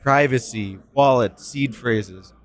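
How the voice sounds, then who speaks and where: A man chatting casually as co-host on a podcast, mid-pitched, his talk loose and full of "um" and "like" as he circles back and restarts his sentences. His voice sits at an ordinary level for a man. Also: slow. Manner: rambling, many fillers and restarts.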